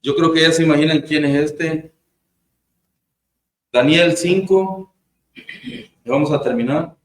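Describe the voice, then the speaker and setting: A man's voice: fairly high pitch, steady tone, takes it slowly. A man preaching informally, telling stories and acting out short quoted exchanges. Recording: roomy echo with faint ambience.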